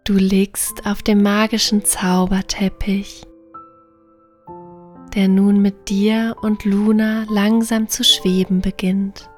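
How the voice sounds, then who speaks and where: A woman narrating a bedtime sleep story and guided relaxation in a gentle, soothing, partly near-whispered voice. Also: medium pitch, little pitch movement, takes it slowly, soft background music.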